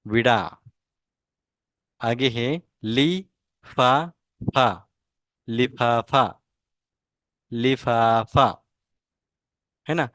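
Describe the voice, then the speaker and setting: A man with a Marathi accent, teaching an online language lesson and reading out each word slowly, several times over, for students to repeat. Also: medium pitch, a bit bright, no room sound. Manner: slow, drawn-out repetition of each word for students to copy.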